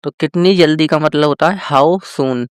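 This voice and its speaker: A male teacher giving a vocabulary lesson, addressing viewers as friends and slowly drawing out each example sentence. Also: on the high side, smooth, no room sound, clean studio sound. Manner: slow, drawn-out example sentences. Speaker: English teacher.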